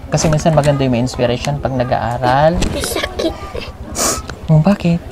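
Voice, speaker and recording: A woman's voice: extremely low pitch, background noise. A woman from the Philippines vlogging as she hands out aid, talking in a coaxing, motherly way and laughing easily. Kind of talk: casual on-camera chat.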